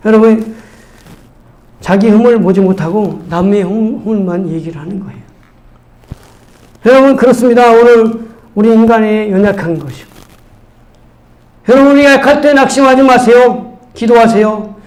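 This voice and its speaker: A man's voice: sits high, moderate pace, pauses often, a little mellow, low-quality recording. A male pastor preaching a sermon with fervent exhortation.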